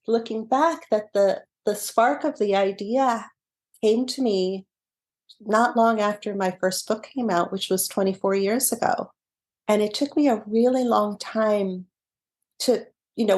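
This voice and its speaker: A woman's voice: medium pitch, a little mellow. A middle-aged woman author talking thoughtfully in a podcast interview, laughing often and restarting her phrases. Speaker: author guest.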